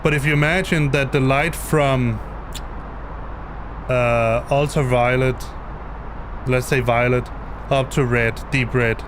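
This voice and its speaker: In his home basement, a flight sim streamer explains something on a live stream; he's a man whose first language is Danish. His mid-range voice is slow and fairly even in intonation, with long pauses, frequent hesitations, restarts and repeated words. Background noise is audible.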